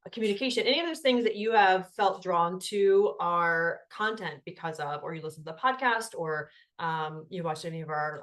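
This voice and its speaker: A woman hosting a casual live group coaching call over video, excitable, laughing at her own slips and swearing freely. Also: fairly low pitch.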